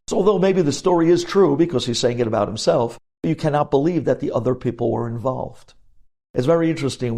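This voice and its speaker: This rabbi's voice is mid-pitched, gravelly and mellow. Teaching religious law, he explains things emphatically, raising questions and then supplying the answers.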